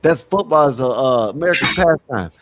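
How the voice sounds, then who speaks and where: A man's voice: on the high side, animated, fairly quick, noisy background. A man on a casual panel giving his opinion in a laid-back way, often adding rhetorical asides.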